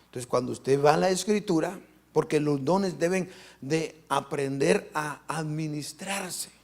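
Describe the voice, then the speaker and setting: A man preaches fervently to his church and keeps asking the congregation questions. His voice sits a little high and carries a gravelly fry. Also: measured pace. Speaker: pastor. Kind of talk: sermon. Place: church service, live stream.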